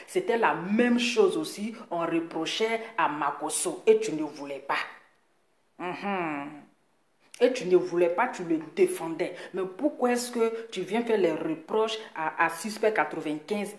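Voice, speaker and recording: A woman giving a ranting live commentary indoors, scolding and firing off repeated rhetorical questions. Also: on the low side. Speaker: online commentator. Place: indoors in a residence. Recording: echoey room.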